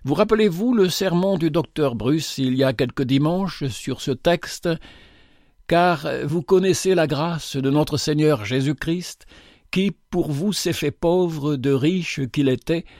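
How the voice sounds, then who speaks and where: A man voicing a gentle, earnest young woman who speaks softly and calmly. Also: fairly high pitch, measured pace, no echo, studio quality, close to an everyday voice. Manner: soft, calm, quiet.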